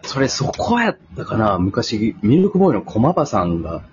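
A man's voice: lowish voice, normal speed. A man with a Kansai accent, co-hosting a casual chat among friends and telling a story with acted-out quotes. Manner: animated storytelling, acts out quotes. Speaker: podcast co-host. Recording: dull lo-fi sound with faint noise.

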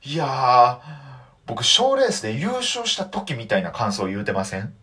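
A young man with a Kansai accent telling stories on his solo talk show, animated and mock-outraged in his asides. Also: mid-range voice, moderate pace. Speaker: comedian and podcast host.

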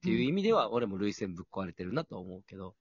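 A man's voice: lowish voice, sing-song, fast talker, breathy edge, no echo, muffled recording. A man with a Kansai Japanese accent co-hosting a casual chat podcast, teasing his partner with joking retorts. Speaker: podcast co-host.

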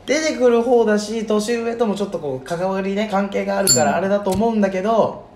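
A young man co-hosting a podcast in casual banter with a friend, talking in rough, slangy masculine speech in an echoey room. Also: high voice, fast, a crowd in the background. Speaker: podcast co-host. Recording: roomy echo, faint background noise.

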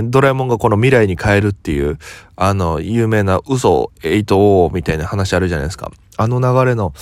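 A young man from Okinawa who has just rolled out of bed, his voice sitting low and sleepy. He rambles through a story at an easy pace, quoting friends as he goes. The sound is close and dry, with no room around it. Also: dry recording. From Okinawa, Japan. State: just woken up, voice lower than usual. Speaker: comedian. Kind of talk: casual solo talk.

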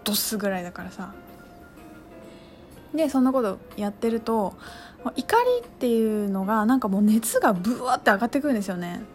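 Animated woman with a lilt. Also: fairly high pitch, fast, soft background music. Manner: animated, acts out her own outbursts and shouts. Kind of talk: casual spiritual monologue.

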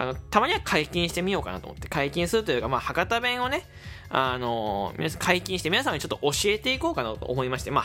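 Male solo podcast host from Fukuoka, Japan, with a casual, chatty delivery, quick and full of fillers, with faint music underneath. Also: fairly high pitch. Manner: chatty, animated, frequent fillers.

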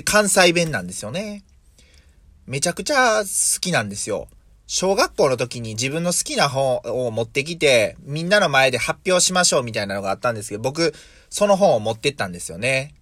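A man's voice: medium pitch, a bit bright, no room sound. A man in his thirties from Mie, Japan, hosting a casual solo podcast as a vegetable farmer, thinking aloud with many fillers and self-corrections. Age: 30s.

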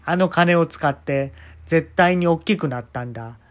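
Smug male fortune teller, voiced by a man, loud, slow, condescending. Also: fairly high pitch, voice pushed up, lightly acted. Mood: boastful.

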